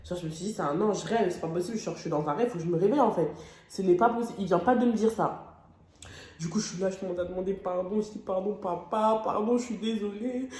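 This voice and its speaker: A woman's voice: lowish voice, fast talker, darkish tone. A young woman from France telling a personal story on her vlog, emotional and dramatic, with casual slang. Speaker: vlogger. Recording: echoey room.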